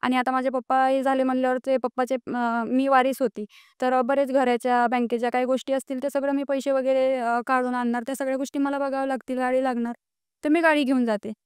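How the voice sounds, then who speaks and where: A woman's voice: high voice, level tone, fast, clear, resonant tone, no echo, studio quality. A young woman, telling her life story as a podcast guest, earnest and rising with indignation. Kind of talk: emotional personal storytelling.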